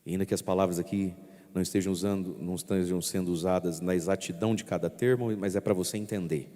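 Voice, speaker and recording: In a large hall, a man preaches as a priest with a low, dark voice, keeping a steady tone at a quick pace. He talks directly to his listeners and coaxes them along, theatrically acting out inner voices and gestures.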